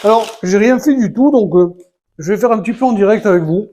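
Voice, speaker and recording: A man narrates a model build as he works through it, in an unhurried, homely way. His voice sits a little high for a man. He stumbles often, fills gaps with hesitations, and counts pieces under his breath. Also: dark tone, slight background noise. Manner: hesitant, many fillers and restarts, counting pieces aloud. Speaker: Lego building vlogger. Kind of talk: casual live building commentary.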